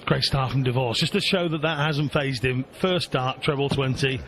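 A man giving live darts commentary in measured, short play-by-play phrases. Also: medium pitch. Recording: clear background venue noise. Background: darts venue ambience.

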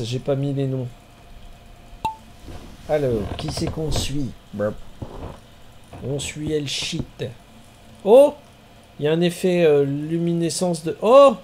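Male streamer, slowish and a bit high, chatty commentary with excited outbursts. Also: a little hiss or hum. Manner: slow, chatty, bursts of excited exclamations. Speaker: streamer playing a marbles race game.

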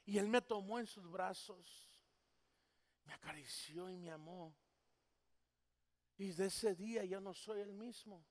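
A man preaching a sermon as pastor in a church, swinging from loud emphasis to hushed tenderness. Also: high-pitched, a little slow, long pauses. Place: church sanctuary. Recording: long hall reverb.

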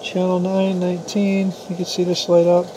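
This American man, a radio hobbyist presenter, demonstrates a product at a radio bench in a small room, speaking in brief, plain phrases with a casual, matter-of-fact air. His voice is high and his pace moderate. A handheld camera or phone mic picks him up clearly over constant background hiss and hum.

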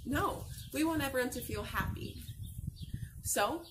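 A young adult woman, a teacher, reads a picture book aloud to children at a measured pace, her high voice animated and expressive as she asks questions and answers them. The noisy camera recording was made outdoors on a patio beside a garden.

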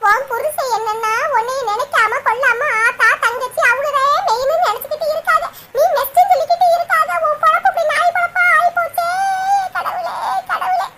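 Cartoon mom played by a woman: high-pitched, doting, lamenting, Kanyakumari Tamil. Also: a little fast, few pauses, pushed and bright. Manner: soothing, lamenting. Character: doting, fretful middle-aged mother. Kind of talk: cartoon voice acting.

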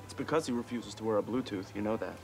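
A man's voice: on the low side, quick pace, heavy background noise, natural voice. An actor playing a fussy, melodramatic young man in a TV comedy. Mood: indignant.

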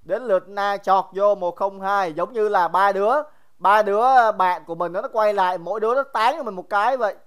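A man's voice: high voice, a little fast, a bit bright, clear, resonant tone. A young man teaching a casual livestream math review, chatty and joking, teasing his students by name and often repeating himself.

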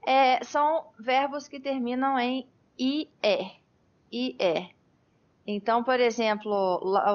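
Brazilian female English teacher, fairly high voice, precise rule explainer, muffled call audio. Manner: precise, clarifies rules, spells words letter by letter. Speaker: English teacher, podcast co-host. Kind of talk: conversational teaching podcast.

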